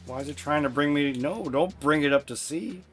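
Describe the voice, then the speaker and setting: A man's voice: on the high side, moderate pace. A man streaming a racing game and chatting casually with his son, thinking aloud as he works through the menus. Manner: easygoing, thinks aloud while picking menus. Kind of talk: casual gameplay livestream chat. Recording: faint music behind the voice.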